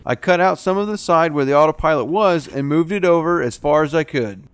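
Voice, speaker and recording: This is how-to voice-over narration: a man walks through a boat repair step by step as the technician host of the show. His voice is fairly high and smooth, and his delivery fairly quick.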